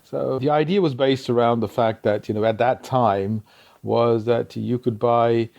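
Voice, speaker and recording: A man, a company founder guesting on a podcast, speaking modestly with halting restarts. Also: mid-range voice, steady tone, gravelly, lo-fi sound. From East London, England. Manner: halting, many restarts, modest and soft-spoken. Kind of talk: casual interview.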